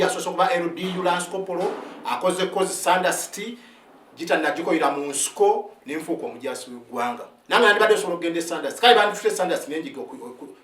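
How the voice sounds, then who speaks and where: A man's voice: a little high, a bit bright, far from the mic. A man in his fifties, an army sergeant whose first language is Luganda, gives an impassioned spoken account. He mixes Luganda with English phrases and keeps asking "eh?" of his listeners, with stumbling restarts. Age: 50s. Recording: roomy sound, set back from the mic.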